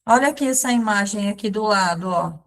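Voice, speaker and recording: A woman in her thirties giving a catechism lesson, explaining slowly and simply with many pauses and everyday examples. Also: medium pitch. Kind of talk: catechism lesson, spoken alongside sign language.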